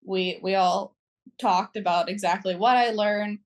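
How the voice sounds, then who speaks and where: A woman's voice: mid-range voice, steady tone, a little slow. A young adult woman speaking as a guest on a podcast, chatty, often saying "like" and laughing lightly between phrases. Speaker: youth advisor guest. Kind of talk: casual podcast chat.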